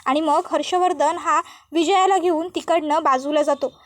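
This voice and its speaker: A woman narrating a television serial episode as a steady storytelling recap. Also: sits high, moderate pace.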